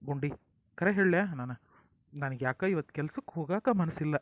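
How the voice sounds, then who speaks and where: A man's voice: on the high side, moderate pace, no room sound, narrow, tinny audio. A man with a North Karnataka accent acting in a family comedy skit, folksy and coaxing, sometimes stern. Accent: North Karnataka Kannada.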